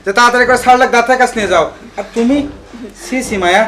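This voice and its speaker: A man playing a fast, scolding worried father. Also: extremely high pitch, fairly bright tone. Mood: reproachful. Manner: fast, reproachful questioning. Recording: echoey room, mic at a distance, music underneath.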